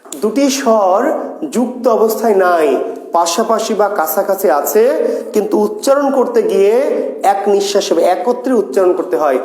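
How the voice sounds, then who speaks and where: A man's voice: sits high, lively intonation, moderate pace, darkish tone. A man teaching a grammar lesson to exam students. He drills sounds over and over and asks questions that he then answers himself. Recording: echoey room.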